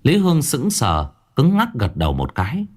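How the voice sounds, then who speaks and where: A man narrating a ghost story with a dramatic, expressive telling. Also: mid-range voice, moderate pace.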